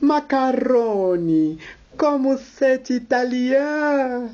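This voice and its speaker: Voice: sits high, drawn-out words, darkish tone, lo-fi sound, voice pushed up. A reader voicing a stuffy, fussy husband in a rehearsal read-through of a play.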